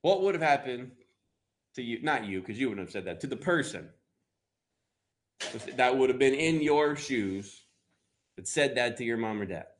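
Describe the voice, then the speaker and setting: An American man preaching a sermon in a booming motivational style, emphatic and conversational, with dramatic pauses. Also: expressive, a little hiss or hum.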